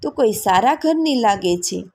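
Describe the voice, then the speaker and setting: A woman's voice: fairly high pitch, expressive, normal speed, a little mellow, husky. A woman voicing a loyal young male servant in a storybook reading, answering steadily and respectfully.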